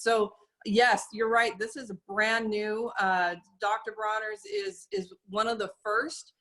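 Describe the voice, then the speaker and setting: A woman representing a soap company speaks as a guest in a casual interview, measured and earnest, frequently pausing on fillers while she explains things. Her voice is middle-pitched with a fairly bright tone.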